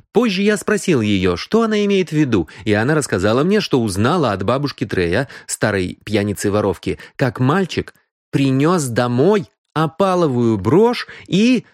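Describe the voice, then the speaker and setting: A man voicing a brisk young man laying out what happened. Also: medium pitch, no echo, clean studio sound, pitched above the performer's own voice, natural voice.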